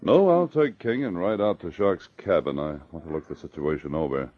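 A stern Mountie sergeant. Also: male voice, low voice. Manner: firm, measured authority. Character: stern, steady Mountie sergeant, adult man. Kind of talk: 1950s radio drama. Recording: dull old radio broadcast.

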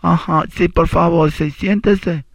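Un hombre con acento mexicano que interpreta a una azafata mayor, cortés pero firme, que pide una y otra vez a una pasajera que se siente. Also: male voice, a little high, steady tone, slow pace, creaky, no echo, voice pushed down, exaggerated voice. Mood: firm, polite. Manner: formal, insistent pleading. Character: polite, stern older female flight attendant.

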